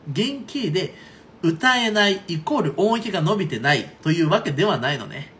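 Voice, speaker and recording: Lively chatty male voice coach. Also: high-pitched, a little hiss or hum. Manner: chatty, frequent "right?" and "okay?" check-ins. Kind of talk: casual online singing lesson.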